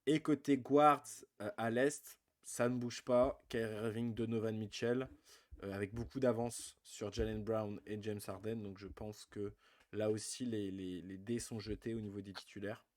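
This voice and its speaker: A man co-hosting a live basketball chat show, relaxed and full of fillers as he runs through rankings. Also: fairly low pitch, moderate pace. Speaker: podcast co-host.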